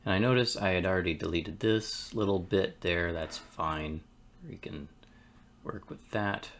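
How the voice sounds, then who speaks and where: A man streaming game development, thinking aloud in a relaxed, musing way as he works at his computer. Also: low-pitched, a little hiss or hum. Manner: relaxed, musing, talks to himself between pauses. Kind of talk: casual thinking-aloud commentary while working.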